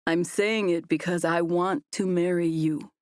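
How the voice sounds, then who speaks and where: A woman voicing a tender, playful young man in love, speaking gently and earnestly. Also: lowish voice, steady tone, measured pace, dry recording, studio quality, natural voice.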